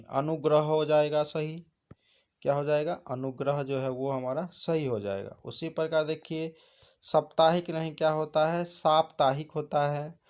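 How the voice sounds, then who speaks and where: A man's voice: a little high, darkish tone. A man teaching an exam prep lesson, asking questions and answering them himself. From India.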